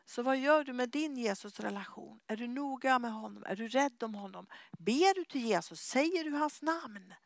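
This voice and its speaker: A middle-aged woman preaching and telling a story, lively, acting out the people she quotes and dropping to a whisper at times. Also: on the high side, gravelly, few pauses, dry recording. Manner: lively, acts out quoted voices, drops to whispers. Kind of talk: animated sermon storytelling.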